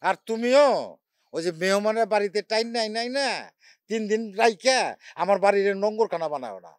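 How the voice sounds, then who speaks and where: A stingy, sarcastic old husband. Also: male voice, sits high, expressive, fairly quick, smooth, dry recording, clean studio sound. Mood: bickering. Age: older. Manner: sarcastic, bickering, colloquial dialect. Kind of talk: TV drama acting.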